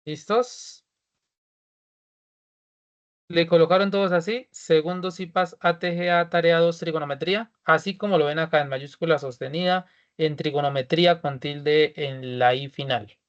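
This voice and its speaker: A man's voice: fairly high pitch, normal speed, dull audio. Patient man guiding an online class. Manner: patient, repeats each step, asks if everyone is ready. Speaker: teacher.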